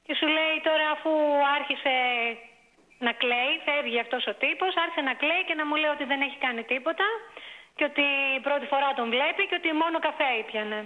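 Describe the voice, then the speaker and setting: A woman in her forties calling in to a talk show, telling a long complaint in an exasperated way, full of fillers. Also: sits high. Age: 40s. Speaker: caller. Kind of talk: phone-in confession on a talk show. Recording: tinny phone line.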